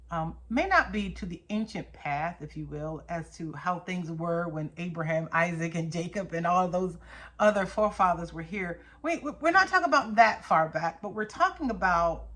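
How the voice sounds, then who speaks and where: With a fairly low, slightly bright voice, a middle-aged faith teacher speaks casually to her channel's camera. Her delivery is earnest and emphatic, drifting into preaching, and she leans on rhetorical questions and repeated points.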